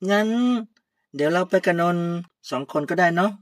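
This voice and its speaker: A woman voicing a kind, polite young office worker who speaks softly and patiently in a one-voice audio drama. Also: lowish voice, normal speed, no room sound, clean studio sound, recorded from a distance, natural voice.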